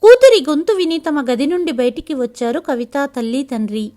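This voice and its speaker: A woman storyteller reading a scripted family story in a steady, even way. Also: high voice, brisk.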